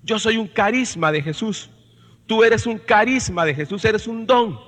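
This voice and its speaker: A priest from Colombia's Caribbean coast, speaking Colombian Caribbean Spanish, preaches to his congregation emphatically, repeating phrases and putting questions to his listeners. His high voice is expressive, unhurried and a bit bright, and a large hall gives it long reverberation.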